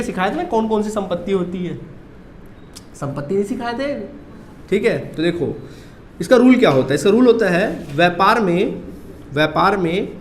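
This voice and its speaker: A man with a Chhattisgarhi Hindi accent teaches a commerce class, drilling students through repeated questions and answers in a high-pitched voice. The classroom audio is reverberant with slight background noise.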